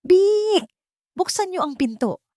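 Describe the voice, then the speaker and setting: A woman voicing a hungry, cunning wolf who shouts demands at little pigs in a storybook tale. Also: very high-pitched, sing-song, slow, no room sound, studio quality, pitched above the performer's own voice, heavily acted. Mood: menacing.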